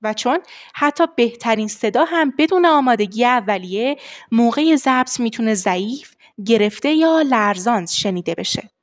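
A young adult woman voice coach giving a lesson on vocal warm-ups, explaining steps and demonstrating the exercises herself. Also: fairly high pitch, expressive. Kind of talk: voice training lesson.

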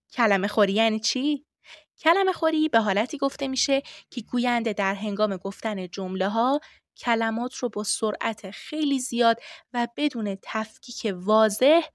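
A woman hosting a podcast lesson on voice work, explaining things clearly and step by step. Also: a little high, dry recording, clean studio sound. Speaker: voice-acting teacher.

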